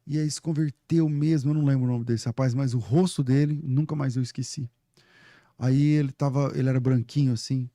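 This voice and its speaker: Um pastor na casa dos quarenta anos, convidado de um podcast, que conta histórias de forma animada, ri e cita a si mesmo. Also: male voice, medium pitch, fairly quick, dry recording, studio quality. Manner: animated, laughing storyteller who quotes himself. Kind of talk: casual podcast storytelling.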